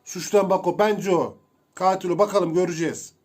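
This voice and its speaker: Young guy talking over his game, kinda high voice, chatty and gets excited fast. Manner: chatty, excitable, calls viewers "abi". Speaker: gameplay streamer. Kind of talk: casual gameplay commentary.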